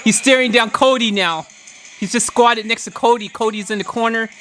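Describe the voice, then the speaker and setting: Excitable American podcast host reacting live. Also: medium pitch, moderate pace, faint music behind. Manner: excitable, chatty, talks straight to listeners.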